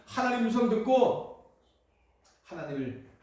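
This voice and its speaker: High-voiced male pastor in echoey church. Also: measured pace. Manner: asks the congregation questions and answers them, animated storytelling. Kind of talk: Sunday sermon. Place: church sanctuary. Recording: echoey church hall from far off.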